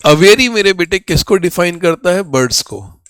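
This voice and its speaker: A man with a hoarse voice, teaching an exam-prep vocabulary lesson in Hindi, speaking terms. He keeps calling the students his children and answers his own questions. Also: high voice, lively intonation, moderate pace, a bit bright, no echo. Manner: calls students "my child", asks questions and answers them himself. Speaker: English teacher for competitive exams.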